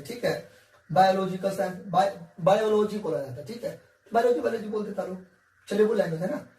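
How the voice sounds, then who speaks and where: High-voiced teacher in an echoey room. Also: male voice, warm tone. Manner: repetitive, coaxing, keeps checking with "ठीक है". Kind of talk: whiteboard science lesson. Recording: echoey room, distant mic, faint hiss.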